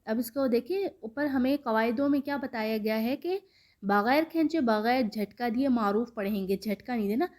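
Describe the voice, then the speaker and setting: A woman with a Pakistani Urdu accent giving an online Quran reading lesson, patiently drilling each syllable slowly and repeating it. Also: fairly high pitch, a little mellow. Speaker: Quran recitation teacher.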